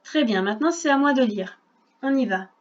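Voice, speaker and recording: A primary school teacher, a woman, gives a recorded reading lesson to a young child, speaking to the child directly. Her voice is high-pitched and animated, and she talks slowly with careful articulation. The audio sounds dull.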